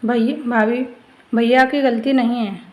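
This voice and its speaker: A woman's voice: fairly high pitch, steady tone, unhurried, dull audio, lightly acted. A woman voicing a tearful schoolboy who pleads with his sister-in-law, speaking in a pleading, tearful way.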